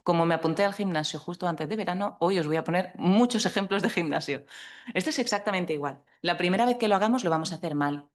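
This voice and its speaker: Woman, low voice; a communication trainer talking live to an audience, practical and direct. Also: fast talker. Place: conference hall at a law association.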